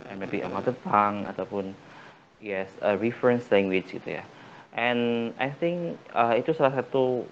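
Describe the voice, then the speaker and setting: A man's voice: lowish voice, dull audio, a little hiss or hum. A young man with an Indonesian accent, a college student guest on a casual podcast, hesitant and mixing English with Indonesian among many fillers. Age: young adult.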